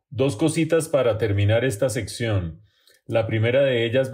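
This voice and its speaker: A man's voice: lowish voice, darkish tone. A man co-hosting a podcast, chatting in a playful, teasing way. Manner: teasing, playful, laughs while talking. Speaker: podcast co-host. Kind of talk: casual panel chat.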